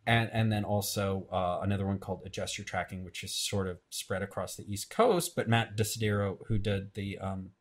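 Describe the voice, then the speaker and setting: A man's voice: fairly low pitch, brisk, few pauses. A man, a filmmaker guest, talking in a casual interview, often hesitating and repeating words. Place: radio show studio.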